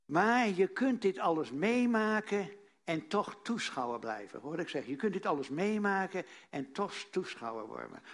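Male preacher, sermon, earnest, fairly high voice, repeats phrases, hushed at key lines. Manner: earnest, drops to a hush for emphasis.

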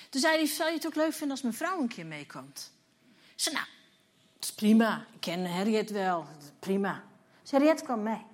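A woman in her fifties, a church leader, giving a personal testimony sermon and telling her story vividly while acting out the dialogue. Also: medium pitch. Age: 50s.

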